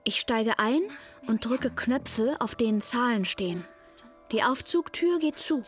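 With lively intonation and a somewhat slow pace, a woman's slightly high voice portrays a young girl describing her lonely hotel stay. The radio-drama narration is first person and present tense, in short, plain sentences that sound matter-of-fact and childlike, over soft background music.

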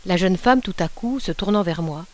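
A woman narrating a classic short story in a measured, unhurried reading voice. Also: on the low side, animated. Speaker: audiobook reader.

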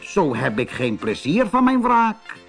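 A man's voice: sits high, big pitch swings, unhurried, gravelly, soft background music, pitched above the performer's own voice, exaggerated voice. A man voicing a vengeful, scheming male fox in a storybook, sneering and gloating.

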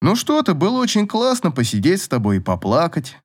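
A man's voice: fairly high pitch, wildly swooping pitch, brisk, pitched above the performer's own voice. An actor playing a sardonic, swearing man who teases and mocks. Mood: wry. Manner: mocking, swears.

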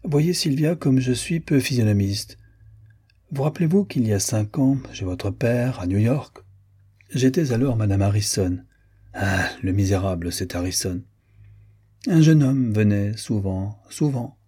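A man's voice: lowish voice, animated, unhurried, dark tone, breathy edge. A man voicing a chatty, teasing young American society woman in an audiobook, playful and lightly mocking. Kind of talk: audiobook character voice.

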